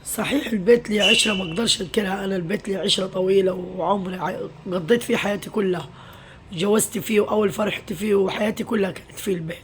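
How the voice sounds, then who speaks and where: Weary Egyptian mother venting fast. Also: medium pitch, steady tone, a little hiss or hum. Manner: weary venting, full of religious phrases. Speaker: mother and home vlogger. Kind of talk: casual confiding vlog talk.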